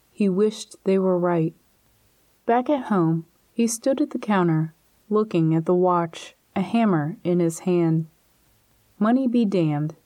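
A woman narrating a suspenseful story in a measured, scripted audiobook style. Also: mid-range voice, mellow, no echo.

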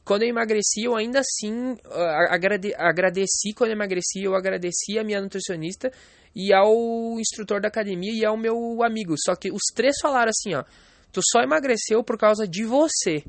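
A man's voice: high voice, fairly quick, no echo. A man from Rio do Sul, vlogging in a blunt, profane, rambling monologue full of fillers. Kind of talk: casual monologue.

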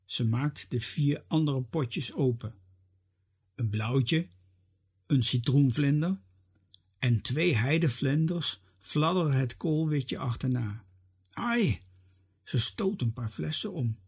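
Storyteller, children's story read-aloud, husky, slow, expressive. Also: medium pitch. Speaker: narrator.

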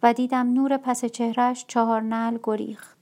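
Brief: female storyteller, somber audiobook narration, measured, a bit high. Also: little pitch movement, a little mellow.

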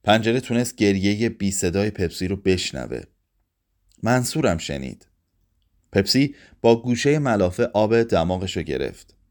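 Expressive man reading a story. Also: fairly low pitch. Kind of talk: reading a literary short story aloud.

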